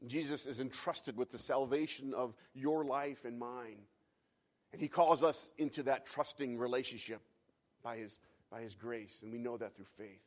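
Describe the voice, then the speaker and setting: Male pastor, mid pitch, sermon delivery swinging from hushed to fervent, repetitive emphasis. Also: moderate pace. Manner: builds from hushed reflection to fervent, loud climaxes; repeats phrases for emphasis, some restarts and fillers.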